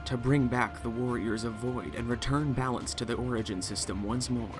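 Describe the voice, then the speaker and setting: A man's voice: mid-range voice, fairly even intonation, moderate pace, loud music behind the voice. A man reading scripted, dramatic lore narration in a solemn, formal storytelling manner. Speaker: narrator of a game lore video.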